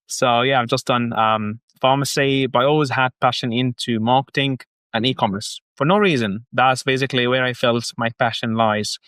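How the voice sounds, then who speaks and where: A man's voice: mid-range voice, steady tone, moderate pace, hardly any pauses, a bit bright, dry recording. A man from Egypt in his thirties, a guest on a business podcast, explaining his work earnestly step by step. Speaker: guest, marketing agency founder. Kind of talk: casual podcast interview.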